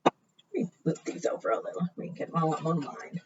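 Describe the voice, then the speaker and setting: A woman with a low voice talks quickly, and the recording has its highs cut off plus slight background noise. She hosts preschool storytime at a library, reading and teaching in a sing-song way and often asking the small children questions.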